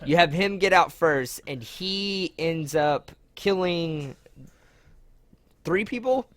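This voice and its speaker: A man co-hosting a casual movie podcast, recapping the plot in a halting way and laughing easily. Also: a little high, animated, fairly bright tone. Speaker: podcast co-host. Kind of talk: casual movie-review chat.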